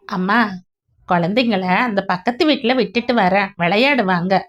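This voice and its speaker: A woman's voice: medium pitch, normal speed, close to an everyday voice. Woman doing a kind, soothing helper woman. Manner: gentle, soothing, coaxing. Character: kind, caring working-class woman helper. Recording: dull lo-fi recording.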